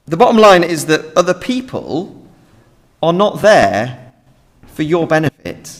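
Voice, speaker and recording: A man's voice: fairly high pitch, very animated, a little slow. A young British man preaching an earnest, emphatic sermon from a lectern in a large church hall. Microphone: standing at a lectern, lectern mic. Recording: reverberant hall.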